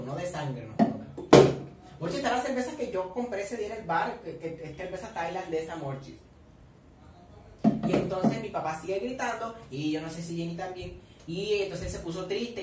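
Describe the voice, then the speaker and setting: A young Colombian man chatters through a reaction video, gossipy and animated, teasing his viewers as he goes. He sits back from the mic in an echoey room, and a faint hiss runs underneath. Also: sits high, distant mic. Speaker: reaction vlogger. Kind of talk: casual reaction commentary. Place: at home with family nearby.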